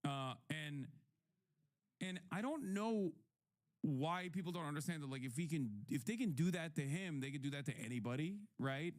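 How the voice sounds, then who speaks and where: A man's voice: on the high side, expressive, moderate pace, dry recording, studio quality. A man hosting a stream, talking in rambling, casual commentary full of fillers and swearing. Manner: rambling, lots of "like", profane. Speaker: streamer host.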